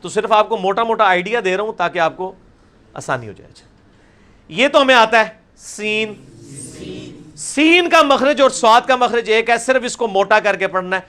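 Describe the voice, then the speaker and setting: High-voiced man drilling sounds. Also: lively intonation. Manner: demonstrates sounds by repeating them slowly and loudly. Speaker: Quran recitation teacher. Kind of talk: online class teaching.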